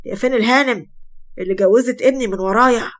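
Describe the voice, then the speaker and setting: An indignant old father scolds in an Egyptian Arabic accent, as a woman puts him on. He is loud and accusing, and his words tumble out fast at a fairly high pitch. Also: close to an everyday voice.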